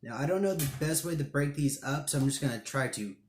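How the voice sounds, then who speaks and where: A man's voice: on the high side, expressive, fast talker. Chatty man in an echoey kitchen. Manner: chatty, thinking aloud while working. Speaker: cooking video host. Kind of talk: casual how-to narration. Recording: echoey room with faint noise.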